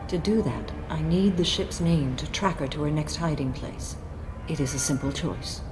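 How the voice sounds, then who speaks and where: An actress playing a stern, oath-bound alien warrior woman in a video game, speaking formally and with measured words. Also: low voice, noisy background, close to an everyday voice. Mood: resolute.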